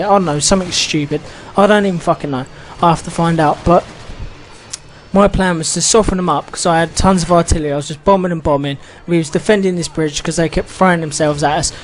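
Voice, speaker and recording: A gaming channel host, his voice on the high side, rants casually about an online match with slight background noise behind him. He's heated and swears a lot, rambling along with frequent restarts.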